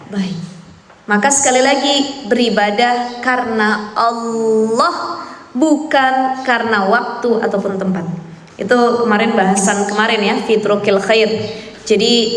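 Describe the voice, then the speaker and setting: Female religious teacher, high voice, instructive and carefully enunciated, lecturing with long hall reverb. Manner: didactic, repeats key phrases, checks understanding with tag questions. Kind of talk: Islamic study lecture to a women's class.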